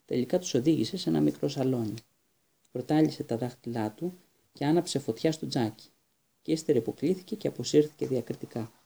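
Male audiobook narrator, very dark and husky tone, even reading pace. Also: medium pitch. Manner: steady reading with occasional restarts. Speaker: audiobook reader.

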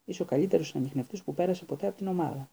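A man reading an audiobook, voicing a joking, reassuring teenage boy with a raised, gravelly voice. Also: a little high, mellow, pitched above the performer's own voice. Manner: teasing, reassuring. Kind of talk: audiobook character voice.

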